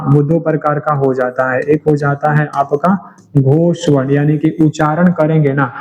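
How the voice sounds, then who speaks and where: A man's voice: on the high side, a little mellow. A male teacher going through exam questions one by one, asking each question aloud and then answering it himself. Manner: keeps asking and answering his own questions. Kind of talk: exam-prep lecture. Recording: dull lo-fi sound.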